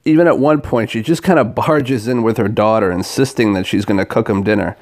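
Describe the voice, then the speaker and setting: A man's voice: on the low side, fairly quick, darkish tone. A man hosting a scripted comedic review, delivering a scathing critique with sarcasm and crude language. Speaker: video reviewer and host.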